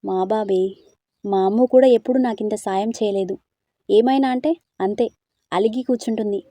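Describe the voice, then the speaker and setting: A kindly old grandmother in a storybook, gentle and fond, voiced by a woman reader. The voice is mellow and warm, and the recording is dry and close. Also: mid-range voice, normal speed, no echo, lightly acted. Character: kindly old grandmother, soft-hearted and sad.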